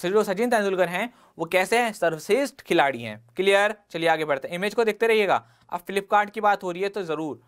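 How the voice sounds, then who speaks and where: A man's voice: sits high, animated, fairly quick, hardly any pauses, clean tone. A man with an Indian English accent teaching an exam-prep vocabulary lesson, mixing Hindi and English and asking rhetorical questions to the class. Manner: explains words with everyday examples and rhetorical questions.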